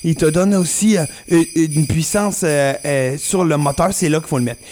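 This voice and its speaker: A man's voice: fairly high pitch, moderate pace, a little mellow, soft background music. A man with a Québécois accent chatting on the radio about video games, explaining eagerly with frequent hesitations. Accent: Québécois French. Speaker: video game columnist. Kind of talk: casual radio chat.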